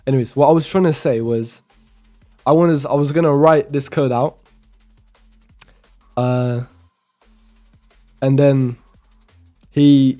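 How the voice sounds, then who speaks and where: A young Romanian programming streamer comments casually as he live codes, muttering code aloud while typing and adding chatty asides. His voice is medium-pitched with a dark tone.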